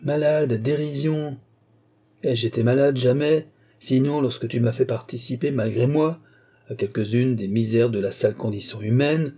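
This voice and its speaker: A man voicing a furious ancient male alchemist, ranting in high, loud, shrill bursts. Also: moderate pace, gravelly, husky.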